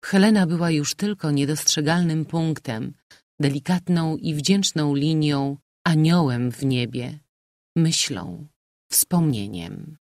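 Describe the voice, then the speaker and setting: A man reading a novel aloud as an audiobook narrator, in a measured, expressive manner. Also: fairly high pitch, dry recording, clean studio sound.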